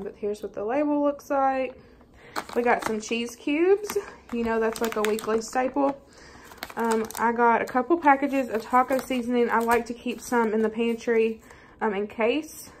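Sitting indoors at her home kitchen table, a Southern American woman vlogs a grocery haul in a casual, chatty way, saying "um" and "y'all" a lot. Her pitch is fairly high, and there's slight background noise.

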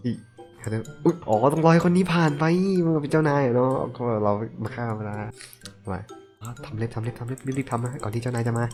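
A young man casually commentating web games as he plays them, excitable and joking, often swearing at himself. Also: medium pitch, fast talker, faint music behind. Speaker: gaming channel host.

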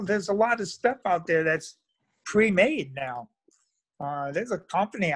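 A fairly high-pitched older man, retired, chats about his model railroad hobby as a guest at a meetup, drifting and often tailing off into filler words. The recording is dry, made on a phone held at arm's length during a video call.

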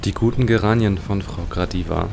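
In a clearly noisy home recording, a let's play host with a low voice talks briskly through a video game. He muses casually, describing whatever appears in front of him.

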